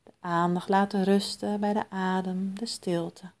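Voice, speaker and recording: Slow, soft-spoken woman guiding meditation. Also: mid-range voice. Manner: soft, calm, soothing delivery with long pauses. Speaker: meditation guide. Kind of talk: guided mindfulness meditation.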